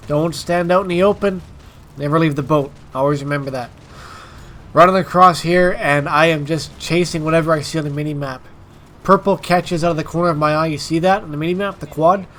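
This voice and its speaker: A man's voice: on the high side, fairly even intonation, fairly quick, a bit bright, a little hiss or hum. Stuffed-up man doing gameplay commentary. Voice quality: stuffed-up, congested nasal voice. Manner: emphatic, informal, addressing viewers directly. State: stuffy nose from allergies. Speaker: gaming video host.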